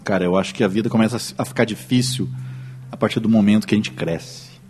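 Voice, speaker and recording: A man's voice: lowish voice, fairly even intonation, fast, darkish tone, faint music behind. A man with a Brazilian Portuguese accent co-hosting a casual podcast chat over drinks, full of sarcastic wisecracks. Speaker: podcast co-host.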